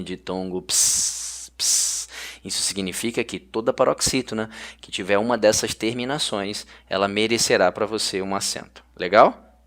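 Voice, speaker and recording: A man delivers a grammar lecture in a fairly low voice. He is friendly and keeps checking in with his students through quick tag questions. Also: a bit bright. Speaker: grammar teacher. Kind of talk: video lecture.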